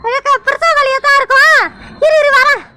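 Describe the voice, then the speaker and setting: A bossy old cartoon grandmother, as a woman puts her on, with a shrill, very high voice that sounds sharp and bright. She fusses and gives loud orders in a hurry. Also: fairly even intonation, moderate pace, a little hiss or hum. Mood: urgent, fussing. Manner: shrill, urgent commands. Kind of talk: cartoon voice acting.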